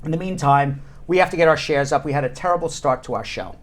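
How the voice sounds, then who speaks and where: A man's voice: on the high side, fast talker. A man with a Brooklyn accent hosting a live show in casual, joking banter, repeating phrases for emphasis.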